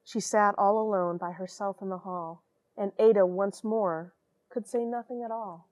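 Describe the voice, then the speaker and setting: Her mid-range voice has fairly even intonation and a darkish tone, moving at normal speed with no room sound. She's an American astronaut in her forties reading a children's storybook inside a small, equipment-filled space station airlock, still dramatizing the story and chatting kindly to young listeners.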